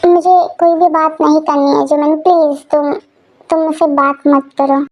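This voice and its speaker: A jealous, short-tempered young man scolds and sulks, as a woman acts him out. His voice sits high. He is a figure in a voiced fan-fiction audio story. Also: fairly even intonation, normal speed, a little mellow. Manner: sulky, scolding.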